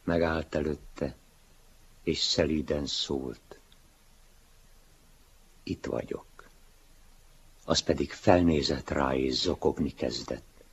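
Very deep, husky male reader. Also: fairly even intonation. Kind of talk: literary reading. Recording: dull lo-fi recording.

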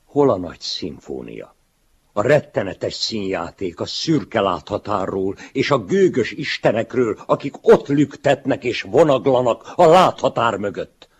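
A man voicing a proud, reserved and bitter young man who asks cold, reproachful questions in a hoarse voice, in a dull lo-fi recording. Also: on the low side, big pitch swings, voice pushed up. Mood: grandly accusing.

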